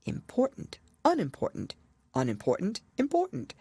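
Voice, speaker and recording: A woman's voice: medium pitch, huge pitch swings, moderate pace, mellow, husky, no echo, voice pushed up, full character voice. Woman putting on a pompous, emphatic storybook king. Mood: flustered. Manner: grave, emphatic. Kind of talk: audiobook character voice.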